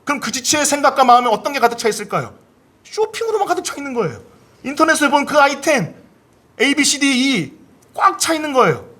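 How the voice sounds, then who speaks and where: A fairly quick-speaking male pastor delivers an animated sermon in church, swinging his pitch widely as he acts out inner voices. He has the congregation repeat his key phrases.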